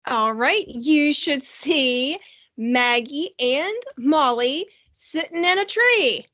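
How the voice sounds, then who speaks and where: Woman, high-pitched, art teacher, cheerful, addresses kids, recorded lesson. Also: lively intonation, takes it slowly, sharp tone. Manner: upbeat, talks directly to young students with questions. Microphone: computer mic, screen-shared lesson.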